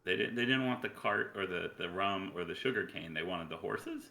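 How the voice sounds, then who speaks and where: A man's voice: deep voice, moderate pace, gravelly, pushed and bright, echoey room. A man acting as game master, casually improvising narration and questions for a tabletop role-playing game.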